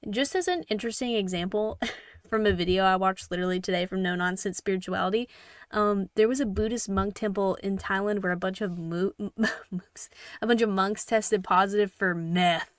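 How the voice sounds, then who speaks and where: A woman's voice: medium pitch, moderate pace, clean tone, dry recording, studio quality. Jokey, irreverent woman vlogger. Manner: irreverent and jokey, swears freely. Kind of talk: casual scripted video commentary.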